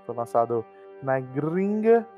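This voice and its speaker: A man co-hosts a film review, calmly steering the conversation and introducing each film. His voice is mid-pitched, with faint music in the background. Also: slow, phone-quality sound. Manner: easygoing, steers the segments. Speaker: co-host of a film review show. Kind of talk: casual chat.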